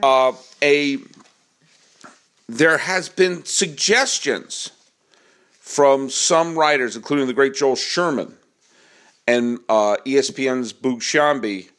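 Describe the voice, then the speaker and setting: A man's voice: medium pitch, slow, pauses often, a bit bright. A man hosting a casual baseball podcast, joking and projecting as he performs. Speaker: podcast host.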